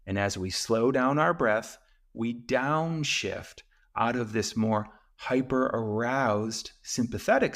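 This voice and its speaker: A man hosting a solo talk show, calmly explaining ideas and slowing down to stress key points. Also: on the low side. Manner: calm and explanatory, with slow emphatic stretches. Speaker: podcast host and men's coach.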